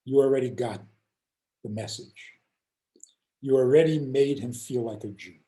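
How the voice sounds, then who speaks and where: A man's voice: mid-range voice, normal speed, echoey room, rough recording. An older man, a rabbi, teaching over a video call and telling stories, acting out the people he quotes. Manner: animated storyteller acting out quoted voices.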